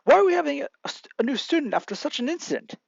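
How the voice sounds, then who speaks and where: A man voicing a stiff, earnest teenage class representative with a high, formal way of asking. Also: very animated, very fast, vocal fry, dry recording, dull audio, full character voice. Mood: indignant. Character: stiff earnest teen boy class rep.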